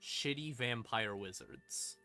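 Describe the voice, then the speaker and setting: A streamer host speaks slowly in a medium-pitched, sharp-toned voice as he explains a game's lore. His delivery is casual and informal, with emphatic swearing. Behind him is creepy ambient music.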